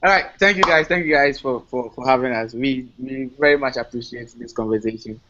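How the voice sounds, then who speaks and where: A man's voice: mid-range voice, fairly quick, background noise. A man hosting a casual online discussion, upbeat and friendly, often laughing. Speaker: host. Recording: dull lo-fi online call audio.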